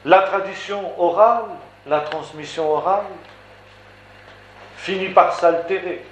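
Male preacher, emphatic and rhetorical, stacks repeated phrases; echoey room, faint hiss. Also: on the high side. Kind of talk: sermon teaching.

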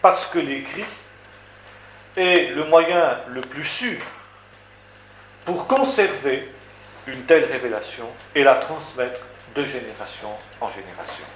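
A man's voice: medium pitch, animated, slow pace, long pauses, a bit bright. Emphatic French-speaking male preacher, echoey room. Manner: emphatic, rhetorical, builds with repeated phrases. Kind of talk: sermon teaching. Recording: echoey room with faint background noise.

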